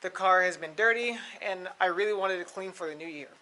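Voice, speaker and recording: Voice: mid-range voice, fairly quick, bright, forceful tone. A car vlogger talking casually and loosely with lots of fillers, out of breath while setting up a pressure washer outdoors by a car. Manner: rambling, loose, many fillers. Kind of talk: casual vlog talk.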